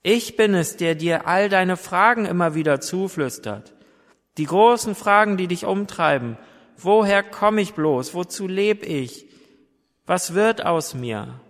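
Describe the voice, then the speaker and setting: A man voicing Jesus as a gentle grown man who asks soft, pleading questions. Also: high-pitched, animated, unhurried, heavily acted. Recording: long hall reverb.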